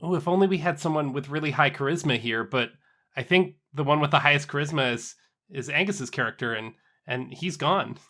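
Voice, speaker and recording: A man's voice: a little high, brisk, pushed and bright. A man playing a tabletop game, chatting casually and upbeat while suggesting plans. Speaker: player.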